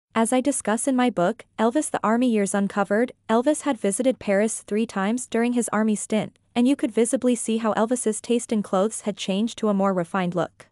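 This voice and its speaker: The recording is dry: a woman reviewer and author reads scripted narration into a close mic. Her mid-range voice carries an earnest, opinionated tone in an even read-out delivery.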